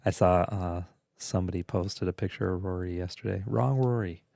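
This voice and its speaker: Gravelly-voiced dad co-hosting a podcast. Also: male voice, sits low, moderate pace, mellow, slight background noise. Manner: easygoing, playful, lots of fillers and asides. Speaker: podcast co-host and father. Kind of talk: casual chat.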